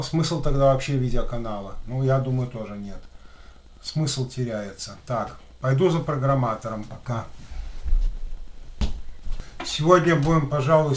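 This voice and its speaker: An electronics repair technician and video host in his thirties talks casually through his work, giving hands-on tutorial commentary at a desk in a small indoor room. His medium-pitched voice has a lisp from recent dental work. The recording is roomy, with echo and clear background noise.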